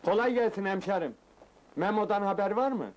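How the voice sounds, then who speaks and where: A man's voice: sits high, a little fast, slight background noise, natural voice, poor audio. An actor playing a naive young man from the provinces, looking for work and speaking rustically. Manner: rustic, exclamatory.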